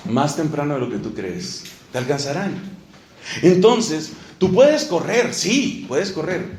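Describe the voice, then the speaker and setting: A man preaching a sermon, animated, swinging between loud emphatic lines and low asides, acting out little dialogues. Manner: acts out little dialogues in different voices. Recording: echoey room with faint ambient noise.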